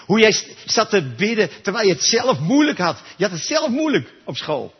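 A man's voice: high-pitched, sing-song, moderate pace, slightly rough. A man preaching a sermon in a church gathering, talking emphatically and straight to his listeners. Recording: dull lo-fi recording.

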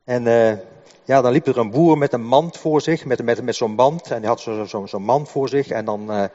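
An older man giving a sermon in a halting way, often repeating words as he explains. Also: medium pitch, dark tone. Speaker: preacher. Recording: dull echoing hall recording.

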